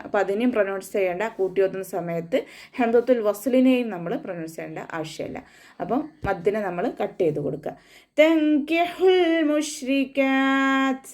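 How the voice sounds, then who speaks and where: A woman's voice: mid-range voice, dark tone. Patient woman teaching recitation. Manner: patient, repeats each rule, chanted demonstration phrases. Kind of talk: tajweed lesson, explaining then demonstrating recitation.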